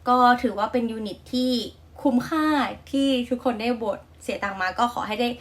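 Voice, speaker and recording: A woman's voice: on the high side, brisk. A young woman with a Thai accent hosting a casual reaction vlog, chatty and gushing, with many fillers and polite endings. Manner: polite feminine sentence endings. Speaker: reaction video host.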